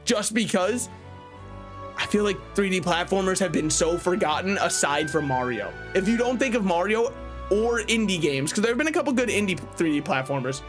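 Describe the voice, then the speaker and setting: A man's voice: sits high, lively intonation, moderate pace, music in the background. A man giving casual, opinionated live-stream commentary on games, conversational and joking. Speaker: game streamer.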